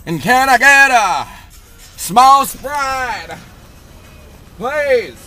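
A man orders at a drive-through from his car in a very high, bright voice. He takes his time, and his casual, polite order is marked by pleases and thank-yous. Faint music plays behind him. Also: expressive, very slow.

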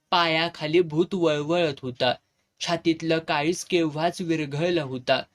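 A man's voice: a little high, fairly bright tone. A man narrating a serialized village novel in a vivid, dramatic storytelling style.

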